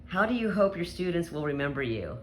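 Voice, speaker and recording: Student reading interview questions, animated pitch, light background noise. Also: fairly quick.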